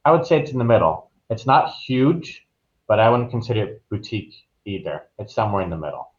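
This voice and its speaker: The highs are cut off in this recording of a man whose voice runs on the low side, expressive and brisk. He's a travel professional guest reviewing a resort, fielding interview questions and explaining things casually.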